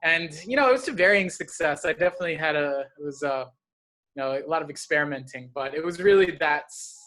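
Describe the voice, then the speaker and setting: A man's voice: a little high, fast talker, pushed and bright. A young man chatting casually in a rambling, self-deprecating way. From partly raised in the Gulf, of North African parents. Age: young adult. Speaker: cooking class host. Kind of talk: casual personal chat.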